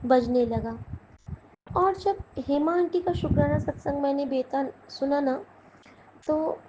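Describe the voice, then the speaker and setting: A woman's voice: high voice, warm tone, slight background noise. A woman giving an earnest, emotional devotional testimony to her listeners in a casual satsang talk. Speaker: satsang speaker.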